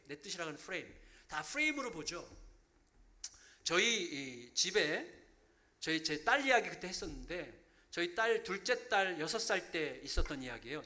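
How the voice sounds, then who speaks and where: Male pastor, 50s, high and bright voice, preaching with animated, humorous storytelling. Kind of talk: sermon.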